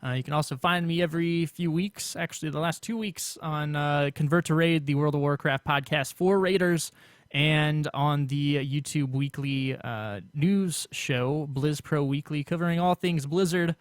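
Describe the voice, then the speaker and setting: A man's voice: fairly high pitch, moderate pace, no room sound. A man hosting a gaming podcast over a call, running the plugs and sign-off. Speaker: podcast host. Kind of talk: casual podcast chat. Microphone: remote call mic.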